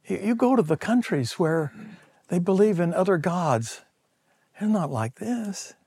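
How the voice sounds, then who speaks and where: A middle-aged man preaching a conversational sermon, acting out quoted voices and dropping to soft near-whispers. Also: high voice, expressive, a little slow, creaky, breathy edge. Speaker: pastor.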